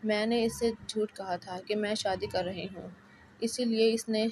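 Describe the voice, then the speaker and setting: A woman's voice: medium pitch, fairly even intonation, a little mellow, a little hiss or hum, close to an everyday voice, low-quality recording. A woman voicing a tearful, guilt-ridden young woman in love, in a level read.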